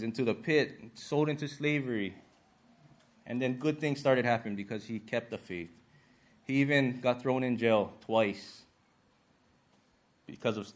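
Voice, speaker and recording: A man from Hawaii with a Hawaiian Pidgin-influenced accent, giving a church lesson in an earnest, slightly nervous way with many fillers. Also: mid-range voice. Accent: Hawaiian Pidgin-influenced English.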